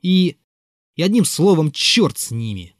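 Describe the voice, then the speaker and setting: A man narrating a classic novel as an audiobook with an expressive, bitter confessional tone. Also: fairly high pitch, a little slow, no room sound, clean studio sound. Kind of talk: dramatic literary reading.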